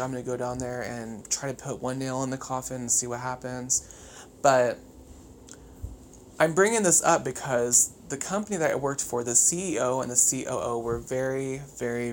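Hyped up chatty podcast host, like too much caffeine, sweary, medium pitch, some room noise behind. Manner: wired, chattery, over-caffeinated energy; frequent casual swearing. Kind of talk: casual solo podcast talk. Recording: clear background noise.

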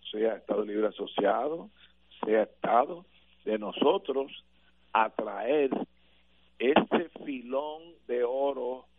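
A man's voice: medium pitch, slightly rough, no room sound. Older Puerto Rican male radio panelist, emphatic debater, dry narrow broadcast sound. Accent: Puerto Rican Spanish. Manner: emphatic, argues point by point with many fillers. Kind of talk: radio talk-show debate.

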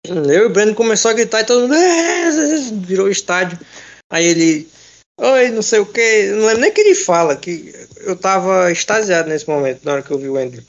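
A man in casual chat with friends, retelling a film as an animated, jokey storyteller full of slang. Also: sits high, quick pace, highs cut off.

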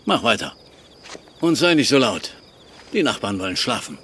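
A man's voice: medium pitch, sing-song, moderate pace, fairly bright tone, slight background noise. An actor playing a stern, demanding middle-aged father in a TV drama dub, lecturing and curt. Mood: disapproving, demanding. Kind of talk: German TV series dub acting.

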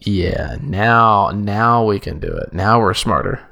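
Low gravelly man chatting casually. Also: expressive, sharp tone. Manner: rambling, halting, many restarts. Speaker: podcast co-host. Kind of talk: casual chat.

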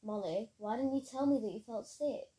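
A woman's voice: fairly high pitch, moderate pace, mellow, natural voice, low-quality recording. A woman reading a story aloud, voicing a caring young girl who speaks with urgency.

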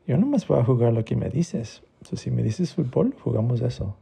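A low, mock-stern father teases his boy in a bedtime story, voiced by a man. The voice is dark and husky with a gravelly edge. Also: big pitch swings, moderate pace, heavily acted. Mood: teasing. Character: teasing playful father.

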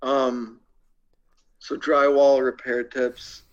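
A young man as a podcast guest, deadpan with crude jokes and hesitant with many ums. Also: mid-range voice, extremely slow, muffled recording. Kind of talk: casual interview chat.

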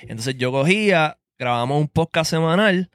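A man's voice: a little high, animated, moderate pace, fairly bright tone, clean tone, no room sound, studio quality. A Puerto Rican man hosting a podcast, laid-back and swearing casually as he interviews a guest. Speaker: podcast host.

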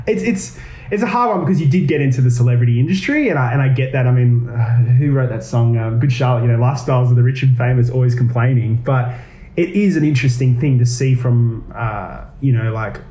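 A man's voice: medium pitch, dark tone. An Australian man from the Gold Coast, a TV presenter, chatting in an interview with many fillers and restarts. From Gold Coast, Queensland, Australia. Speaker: TV presenter and actor. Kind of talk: casual interview chat. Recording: roomy echo.

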